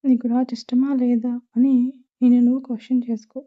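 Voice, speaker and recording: A woman voicing a caring middle-aged mother who gently advises her son's shy young bride, on a tinny, phone-like recording. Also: fairly high pitch, flat delivery, brisk, natural voice. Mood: advising.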